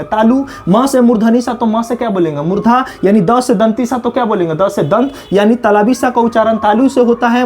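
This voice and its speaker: A man teaching an exam-prep lesson, asking questions and answering them himself, dropping lower and softer on each repeated answer. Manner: drops low and soft on the repeated answer.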